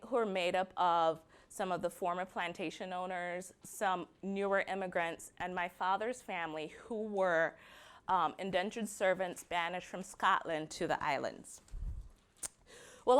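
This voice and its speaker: Young Barbadian woman, mid-pitched, delivering a measured prepared talk that leans on key words. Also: a bit bright. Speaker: speaker giving a talk.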